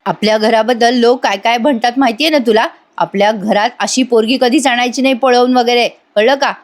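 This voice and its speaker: A woman's voice: sits high, fairly quick, voice pushed up, lightly acted. A woman voicing a stern young man who scolds and orders people about, in a retold TV serial. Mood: scolding. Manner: scolding, commanding.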